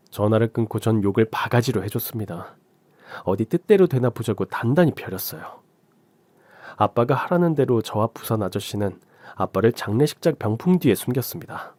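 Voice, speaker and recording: A man giving scripted first-person narration of a radio drama in an even storytelling voice. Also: medium pitch, no room sound.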